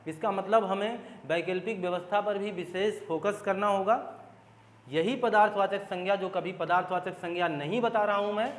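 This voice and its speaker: Man, grammar teacher, high-pitched, patient step-by-step explaining, echoey room. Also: normal speed. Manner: explains step by step, repeats key points, asks students questions. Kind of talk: exam-prep grammar lesson. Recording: echoey room with long reverb.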